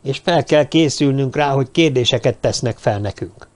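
A man voicing an irritable elderly dwarf leader who talks in a slow, emphatic, snapping way. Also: medium pitch, lightly acted. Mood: irritable, commanding.

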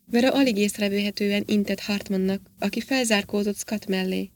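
A woman narrating an audiobook in a steady, even reading voice. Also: mid-range voice, a little hiss or hum. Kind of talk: scripted narration.

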